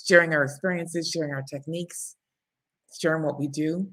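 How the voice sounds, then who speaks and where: A woman's voice: low voice, steady tone, moderate pace, a bit bright. A woman book coach hosting live writing sprints in a casual, chatty way, laughing often and reading viewer comments aloud. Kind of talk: casual live-stream chat.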